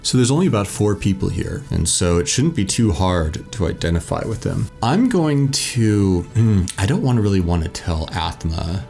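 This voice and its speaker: Low-voiced man narrating a solo tabletop game. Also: very animated, moderate pace, creaky, few pauses, darkish tone, soft background music. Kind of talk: casual live-play narration, thinking aloud.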